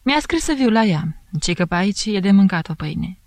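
A woman voicing a young peasant servant woman who wails and protests in loud country speech. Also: medium pitch, animated, dry recording, pitched above the performer's own voice, natural voice. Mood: guarded.

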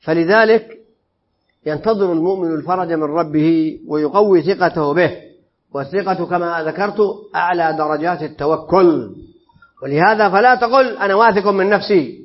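High-pitched guy teaching a religion class, keeps quizzing the room, muffled lo-fi recording. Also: moderate pace. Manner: explains phrase by phrase and quizzes listeners with questions. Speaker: Islamic creed teacher. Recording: dull lo-fi lesson recording.

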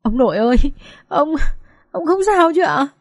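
A woman's voice: fairly high pitch, brisk, no room sound, clean studio sound, close to an everyday voice. A woman voicing a tearful, frightened teenage girl who trembles and sobs, in a storybook reading. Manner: sobbing, trembling.

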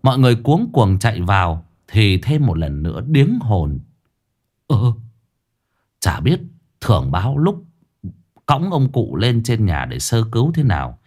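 A man narrating a humorous ghost story in a brisk, lively storytelling manner. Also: lowish voice.

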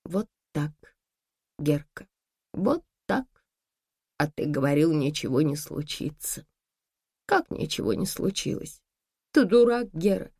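A woman reading an audiobook voices a grandmother near retirement who speaks quietly, barely voiced. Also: low-pitched, animated, slow pace, long pauses, breathy edge, dry recording, studio quality, exaggerated voice. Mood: bitter, sad.

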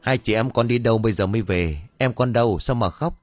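A man voicing a panicked village mother who scolds and shouts frantically, in a spoken ghost story. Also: fairly low pitch, a little fast, faint music behind, close to an everyday voice. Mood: panicked scolding.

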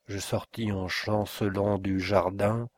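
A man with a low voice reads a classic novel aloud as an audiobook. His reading is measured and literary. The recording is close and dry. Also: level tone, dry recording. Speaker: audiobook reader. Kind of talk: scripted narration of a classic novel.

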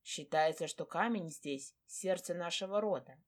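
A woman voicing a proud, brooding male dragon lord who speaks tenderly to his fiancée, in a low, hushed tone. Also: moderate pace, lightly acted.

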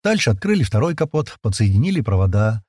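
Man narrating a lively audiobook. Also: fairly low pitch, fast, no room sound, clean studio sound. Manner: lively, colloquial storytelling. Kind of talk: first-person audiobook narration.

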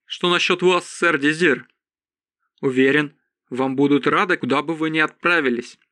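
A man's voice: fairly high pitch, normal speed, sharp tone, no echo. Man doing polite young knight, a bit raised, dry close sound.

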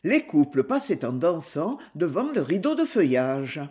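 A man narrating a novel aloud in an expressive reading. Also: a little high, a little slow. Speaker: audiobook reader.

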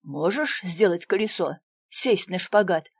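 Woman narrator voicing a loud, demanding, irritable man in an audiobook, dry recording. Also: lowish voice, expressive, a little slow, husky, no echo, full character voice. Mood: pushy. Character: pushy irritable grown man, bossy and coarse.

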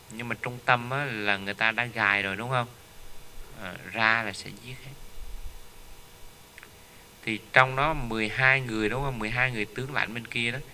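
Bright-voiced man teaching. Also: on the low side, a little hiss or hum. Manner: storytelling, with frequent rhetorical "right?" tags. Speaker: Buddhist teacher. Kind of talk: dharma talk.

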